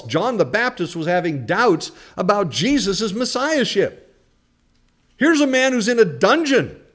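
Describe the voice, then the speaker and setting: Man preaching with strong dynamic swings. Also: on the high side. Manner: swings from loud, emphatic preaching to quiet, conversational storytelling; rhetorical questions and acted-out quotes. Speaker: pastor. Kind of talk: sermon.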